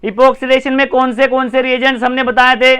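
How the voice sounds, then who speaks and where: A man with an Indian accent runs a live online chemistry lesson, his voice sitting very high and coming through smooth and clear. He talks briskly, repeats key terms again and again, and keeps nudging viewers to comment and share. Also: little pitch movement, sharp tone. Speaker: chemistry teacher.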